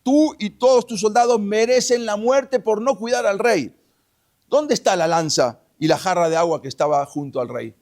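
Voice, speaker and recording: A man voicing a bold, righteous young male leader who calls out loudly and accusingly. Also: high voice, fairly quick, creaky, pitched above the performer's own voice. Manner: loud, raised, accusing calls.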